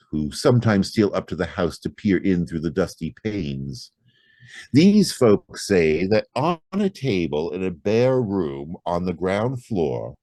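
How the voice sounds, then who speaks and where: A man with a low voice narrates a horror story as an audiobook reader, his delivery theatrical and expressive, with no room sound.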